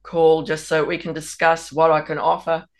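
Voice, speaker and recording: A woman hypnotherapist guest on a radio show, explaining her work calmly. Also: sits low, moderate pace. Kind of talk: radio interview.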